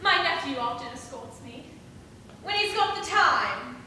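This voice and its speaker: A woman playing a chatty, gentle elderly lady sleuth in an amateur stage play, heard from far off in an echoey hall. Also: high voice, animated, measured pace, a little hiss or hum, heavily acted. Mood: sweetly genteel. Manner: polite, fluttery old-lady speech. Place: theatre stage.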